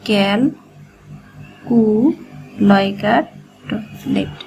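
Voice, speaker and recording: A woman's voice: medium pitch, level tone, drawn-out words, creaky, background noise. A woman teaching a shorthand class, breaking words into syllables and repeating them patiently. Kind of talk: slow step-by-step dictation lesson.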